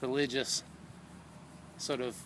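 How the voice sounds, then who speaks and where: A man's voice: medium pitch, flat delivery, slow pace, rough recording. A tired man, a solo runner, recording a rambling, thoughtful video diary outdoors by a road. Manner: rambling, thoughtful, lots of fillers. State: tired after a long run. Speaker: solo long-distance runner vlogging. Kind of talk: casual reflective video diary. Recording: loud traffic noise outdoors.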